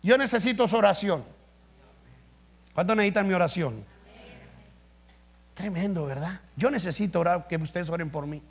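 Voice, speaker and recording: A man's voice: high voice, expressive, normal speed, gravelly, long pauses, slightly rough. A man, a pastor, preaching a live sermon in an impassioned, exclamatory way. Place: church service, live.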